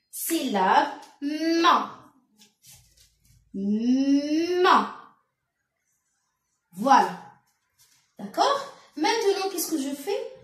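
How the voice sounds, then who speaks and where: Slow, high-voiced woman teaching children. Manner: slow, emphatic, syllable-by-syllable with claps. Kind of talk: slow classroom reading lesson for young children. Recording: echoey room, voice from a distance.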